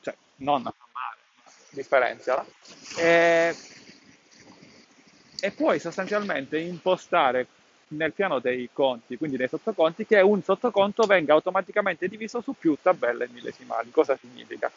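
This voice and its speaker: A man's voice: on the high side, animated, normal speed, vocal fry, a little hiss or hum. A man hosting an explanatory podcast outdoors, speaking slightly muffled through a face mask, in a didactic way that repeats key points. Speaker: podcast host. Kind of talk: explanatory tutorial to camera. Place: outdoors at a scenic spot. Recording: dull, muffled lo-fi sound.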